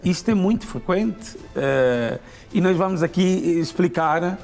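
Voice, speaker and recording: A man's voice: high-pitched, expressive, measured pace, gravelly, darkish tone. Angolan male language teacher, methodical explainer, faint music bed. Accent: Angolan Portuguese. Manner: patient, methodical, explains step by step. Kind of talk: explaining grammar on a morning show.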